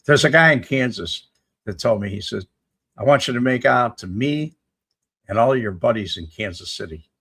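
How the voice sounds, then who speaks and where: A man's voice: medium pitch, animated, normal speed, fairly bright tone, breathy edge. A man in his seventies hosting a casual live chat, reading viewer comments aloud and answering them in a rambling, folksy way. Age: 70s. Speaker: livestream host answering chat.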